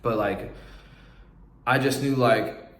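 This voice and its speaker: A man's voice: mid-range voice, a bit bright. Earnest young man, near tears, echoey room. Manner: earnest, halting, with many restarts. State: close to tears. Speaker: vlogger. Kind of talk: emotional personal storytelling.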